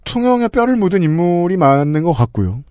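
A man's voice: sits high, big pitch swings, darkish tone, no echo, studio quality, faint music behind. A man hosting a casual political talk podcast, laughing often and wrapping up segments. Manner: laughs often, quick replies. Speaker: podcast host. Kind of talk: casual panel chat.

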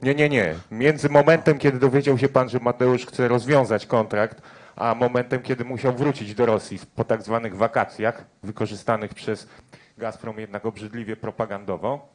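A man's voice: medium pitch, steady tone, moderate pace. A male sports journalist asking persistent follow-up questions at a press conference.

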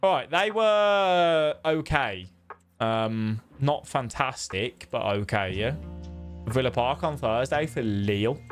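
A young man chats on a live stream, friendly and loose, greeting viewers one after another as he plays. His voice sits at an ordinary middle pitch, with faint music playing under it. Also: expressive, slow pace. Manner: chatty, greets viewers by name. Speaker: gaming streamer. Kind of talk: casual live-stream chat.

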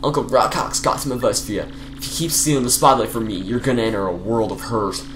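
A man's voice: mid-range voice, fast, fairly bright tone, a little hiss or hum, lightly acted. A man voicing a boastful male hawk fighter from a video game, speaking in a cocky, threatening way.

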